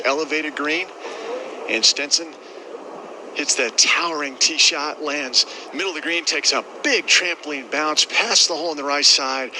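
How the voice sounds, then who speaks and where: A man's voice: fairly high pitch, bright, forceful tone. A man working as a golf commentator, giving descriptive live play-by-play from outdoors on the course. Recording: faintly noisy outdoor broadcast.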